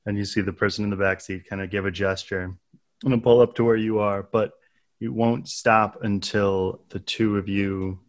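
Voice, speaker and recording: A man narrating a tabletop game as game master, relaxed and playful. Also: lowish voice, normal speed.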